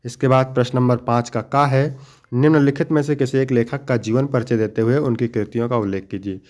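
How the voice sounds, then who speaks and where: A man's voice: mid-range voice, fairly even intonation, a little mellow. Young guy teaching exam prep, goes answer by answer, drags out the important bits. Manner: explains each answer step by step, then reads the next question; slows to stress key points.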